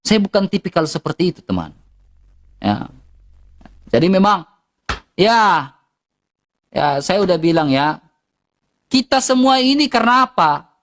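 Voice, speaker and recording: A woman's voice: fairly low pitch, sing-song, a little slow, long pauses. Emphatic woman, eastern Indonesian accent. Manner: emphatic, repetitive, blunt. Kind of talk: heated livestream rant.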